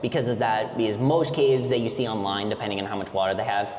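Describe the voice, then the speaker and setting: A man's voice: lowish voice, fairly even intonation, quick pace, darkish tone. A man working as a cave tour guide, explaining the sights as he leads a boat tour inside a cave. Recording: echoey cave, long reverb, background noise.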